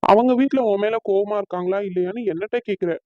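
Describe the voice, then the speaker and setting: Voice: medium pitch, quick pace, dry recording, narrow, tinny audio, natural voice. A performer voicing a hurt, resentful young man in a cartoon, brooding and bitter.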